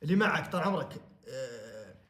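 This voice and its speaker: A man's voice: mid-range voice, sing-song, fairly quick, a bit bright. A man with a Saudi Bedouin Arabic accent bantering argumentatively with friends in a guessing game on a live stream, swearing emphatic oaths. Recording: echoey room with slight noise, clicks.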